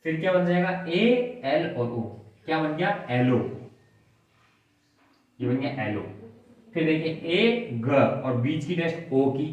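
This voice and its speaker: A man's voice: a little high, lively intonation, slow pace, pauses often, a little mellow, dull audio. A man teaching shorthand in a tutorial, asking himself questions and answering them, repeating each word as a drill. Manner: asks and answers his own questions, repeats words for drilling. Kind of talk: classroom-style tutorial explanation. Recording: echoey room, mic at a distance.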